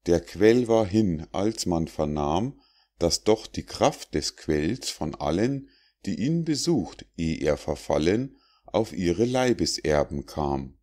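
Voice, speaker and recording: A man reads old rhymed fables for an audiobook in a measured, recitative manner. His voice sits low. He takes the verse at an unhurried pace. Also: expressive, a little mellow. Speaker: audiobook narrator. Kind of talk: scripted narration of rhymed fables.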